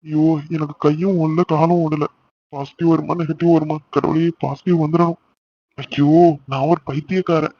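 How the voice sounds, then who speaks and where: A man's voice: on the high side, flat delivery, normal speed, lo-fi sound. A man voicing a young cartoon husband, eager and affectionate, teasing his wife playfully. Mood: anxious. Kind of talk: cartoon voice acting.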